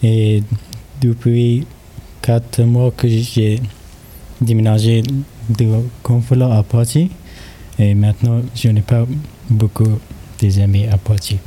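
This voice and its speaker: Slow, very dark-voiced Afghan man, broken French. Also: fairly low pitch, level tone. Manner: broken, halting non-native French. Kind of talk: personal testimony in interview. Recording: background ambient noise.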